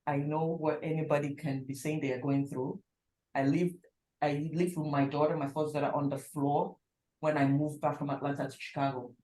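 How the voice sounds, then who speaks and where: Blunt woman in her 40s, lower voice, instructor addressing a class in an echoey room. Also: flat delivery, moderate pace, mellow. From Nigeria. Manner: emphatic, blunt, repeats for stress. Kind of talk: frank motivational talk in class.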